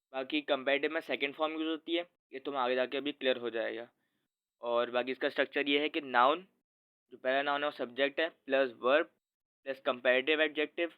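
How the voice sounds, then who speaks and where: A man's voice: medium pitch, clean tone. Man teaching grammar over tinny audio. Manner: informal, addresses viewer as friend, self-corrects often. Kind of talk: casual explanatory lesson.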